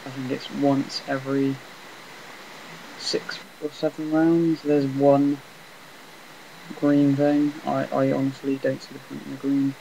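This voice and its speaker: A man talks over his gameplay in a rambling, self-deprecating way, with a flat, monotonous delivery. His voice has a gravelly rasp, and the cheap laptop mic picks up a faint hiss behind him. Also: medium pitch, rough recording. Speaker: gameplay commentator. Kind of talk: casual game commentary.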